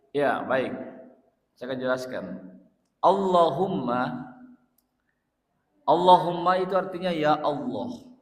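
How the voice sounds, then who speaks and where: Male preacher, slow and deliberate, fairly high voice, chants invocations, recorded in a reverberant hall. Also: expressive. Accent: Indonesian. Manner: slow, drawn-out explaining with repeated "ya" and "Pak" to the congregation; chants Arabic phrases slowly and rises in force on invocations. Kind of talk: mosque study-circle sermon. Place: mosque hall.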